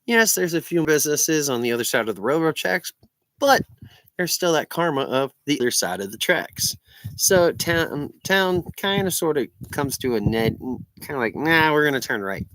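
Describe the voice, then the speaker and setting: A man's voice: a little high, lively intonation, normal speed, fairly bright tone, no echo, rough recording. An American man, stoned, rambles casually on a livestream in a meandering, slangy stoner manner. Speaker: livestream vlogger.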